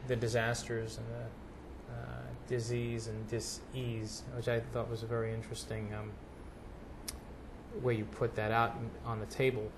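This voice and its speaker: A man's voice: medium pitch, completely flat delivery, unhurried, background noise. A man taking part as a questioner, speaking casually and politely in a hesitant, tentative way. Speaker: audience questioner at a channeling session.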